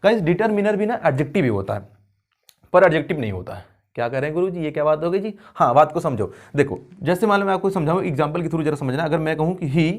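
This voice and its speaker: A man teaching an English grammar lesson in a playful, jokey way. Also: on the high side. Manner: playful, jokey, addresses viewers as kids. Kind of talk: classroom lesson.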